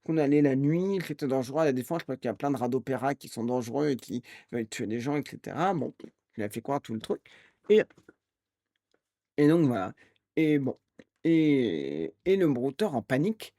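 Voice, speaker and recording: A man streaming live, telling a rambling story in a casual, animated way and acting out the people he quotes. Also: mid-range voice, normal speed, dry recording, studio quality. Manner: animated, acts out quoted voices; rambling with restarts and fillers.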